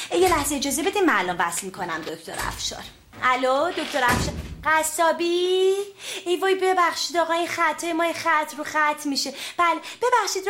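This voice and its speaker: A chatty, fussy woman with a very high, bright voice. She talks fast and keeps apologizing, in a sitcom way. A faint hiss sits under her voice. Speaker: office secretary. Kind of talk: sitcom comedy acting.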